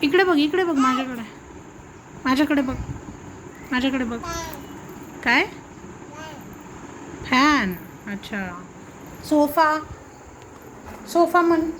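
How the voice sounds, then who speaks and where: A woman with a high voice talks slowly and gently to a small child at home. She coaxes in baby talk and repeats every prompt over and over to get the toddler to answer. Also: noisy background. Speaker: family member coaxing a toddler to talk. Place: indoors at home.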